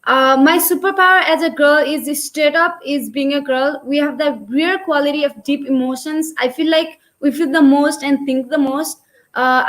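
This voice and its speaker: High voiced nepali young woman on a webinar call, heartfelt. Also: a bit bright. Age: young adult. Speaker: youth panelist. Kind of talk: webinar panel answer. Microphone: video call.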